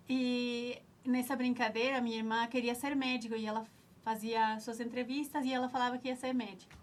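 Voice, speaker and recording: Fairly high-pitched with little pitch movement, an Ecuadorian woman in her forties speaks at normal speed with a native Spanish accent. A nutritionist appearing as an alumna guest, she reminisces in her interview answers, often restarting as she searches for the words.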